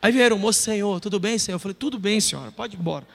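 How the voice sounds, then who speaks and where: Man, middle-aged pastor, from Brazil, animated sermon storytelling, fairly high voice, long hall reverb. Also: racing, vocal fry. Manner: animated storytelling, voices quotes, bursts of loud emphasis. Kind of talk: sermon testimony.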